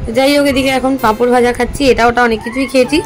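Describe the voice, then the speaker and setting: A woman's voice: a little high, steady tone, racing, music in the background, poor audio. A woman in her thirties with a Bengali accent, chatting casually to viewers as she vlogs her day. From West Bengal. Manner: chatty, addresses viewers directly. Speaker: vlogger. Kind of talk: casual vlog narration.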